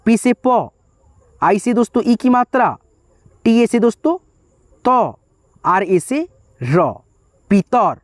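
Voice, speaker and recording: A man's voice: extremely high pitch, big pitch swings, slow pace, pauses often, no room sound, clean studio sound. Patient man teaching letter by letter. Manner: repetitive, patient step-by-step spelling out; addresses viewers as friends often. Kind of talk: whiteboard lesson.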